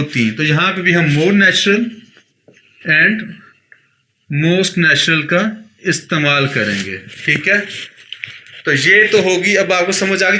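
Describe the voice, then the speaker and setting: A man's voice: high-pitched, bright, forceful tone. A man with a Pakistani Urdu accent teaching an English grammar lesson, patiently repeating points and checking that his students follow. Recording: echoey room with faint noise.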